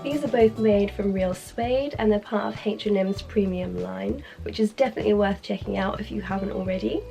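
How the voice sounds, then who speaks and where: Soft music plays behind a British woman giving a chatty fashion guide to camera at a slightly fast clip. Her medium-pitched voice is warm but creaky, and a sore throat makes it sound strained and sick, though the scripted delivery stays upbeat.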